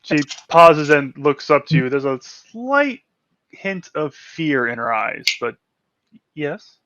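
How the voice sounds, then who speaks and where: Guy dm narrating the game, kinda high voice, lots of ums and restarts, dry mic. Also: expressive, slow pace, fairly bright tone, no echo, lo-fi sound. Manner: hesitant narration with fillers and restarts. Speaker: game master.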